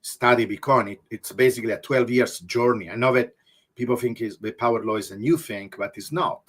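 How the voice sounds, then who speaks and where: A man with an Italian accent, a guest explaining ideas in conversation, halting often with fillers and restarts. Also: medium pitch, a bit bright, slightly rough. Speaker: guest physicist.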